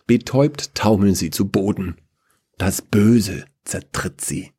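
A man narrating a story in a measured, even way. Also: low voice, slightly rough.

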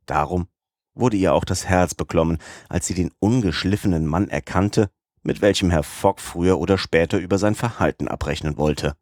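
A man reading a novel aloud as an audiobook narrator, in a measured, even delivery. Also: low voice, no echo, clean studio sound. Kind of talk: scripted narration.

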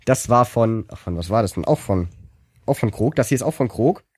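A man's voice: fairly low pitch, animated, a little fast, no room sound, studio quality. A man chatting casually as podcast co-host, rambling and hesitant with many fillers. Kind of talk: casual chat.

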